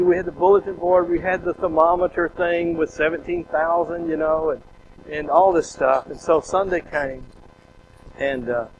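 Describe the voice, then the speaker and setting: A man, a preacher telling a folksy, animated story to his congregation, with plenty of fillers and restarts. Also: a little high, creaky, lo-fi sound, a little hiss or hum. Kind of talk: storytelling testimony.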